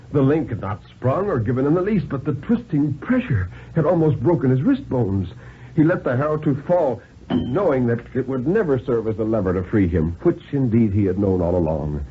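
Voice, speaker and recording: In a thin, narrow, tinny 1950s radio recording with slight background noise, a man reads a thriller story. He delivers it deliberately and dramatically, his lively pitch ranging widely to shape each phrase.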